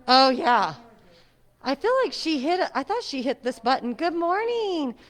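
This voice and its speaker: Speaking a little slowly in a high, very animated voice, a middle-aged fitness instructor chats casually ahead of her class. A face mask muffles her words in the seniors' center exercise room. She's friendly, chatty, and quick to laugh.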